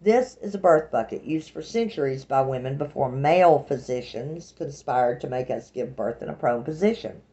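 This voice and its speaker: A woman's voice: a bass voice, lively intonation, normal speed, few pauses, mellow, highs cut off. A woman voicing an earnest, zealous woman who lectures on a fringe cause.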